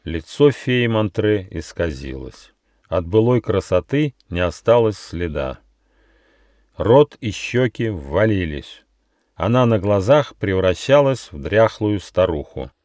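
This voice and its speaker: A man reading his own fairy tale as an audiobook, with expressive storytelling. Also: low-pitched, slow pace, dry recording. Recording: dry studio audiobook.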